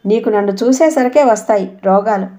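A woman's voice: medium pitch, brisk, dark tone, close to an everyday voice. A woman reading a drunk, domineering husband. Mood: gruff angry. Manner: gruff threats and taunts. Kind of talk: audiobook character reading.

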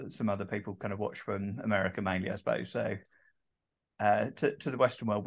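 A middle-aged man hosting an interview from home over a video call, talking hesitantly with many pauses and restarts. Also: fairly low pitch. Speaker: host. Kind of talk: casual interview chat. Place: home room with shelves. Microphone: video call webcam.

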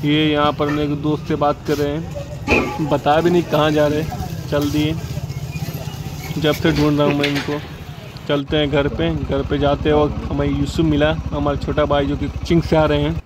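A man's voice: a little high, monotone, normal speed. A young man giving a casual running commentary for his village vlog while riding and shopping outdoors. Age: young adult. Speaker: vlogger. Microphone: camera at arm's length. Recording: loud street noise behind.

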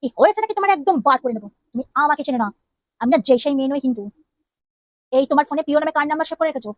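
A woman's voice: sits high, animated, dry recording. A woman acting a jealous, nagging young wife in a comedy skit, firing off scolding questions. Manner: scolding, interrogating with rapid questions.

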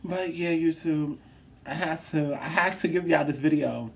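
A woman chatting casually to her viewers in a vlog, animated, laughing often and swearing freely. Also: sits low, normal speed, gravelly, slight background noise. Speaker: vlogger.

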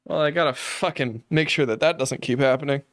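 A man's voice: medium pitch, brisk, fairly bright tone, dry recording. Sarcastic, foul-mouthed male streamer. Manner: sarcastic, profane asides to chat. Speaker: streamer reacting to a video. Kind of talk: live stream reaction commentary.

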